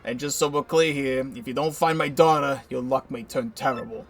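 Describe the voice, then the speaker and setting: A gruff mob boss with a soft spot for his daughter, as a man puts him on, speaking low and hushed with a quiet threat behind each line. Light game music runs in the back. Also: fairly even intonation, a little fast, natural voice. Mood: menacing. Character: gruff older male mob boss, menacing and fatherly.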